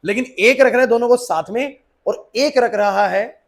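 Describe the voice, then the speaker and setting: A man teaching physics to a class, firing quick questions at the students and answering them himself, with English terms mixed into his talk. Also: extremely high pitch. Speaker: physics tutor. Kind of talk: classroom lecture.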